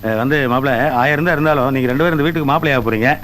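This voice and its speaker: A man's voice: medium pitch, racing, music in the background, close to an everyday voice. An actor playing an anxious father-in-law who coaxes and soothes the groom. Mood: coaxing. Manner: coaxing, placating. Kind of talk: film comedy acting.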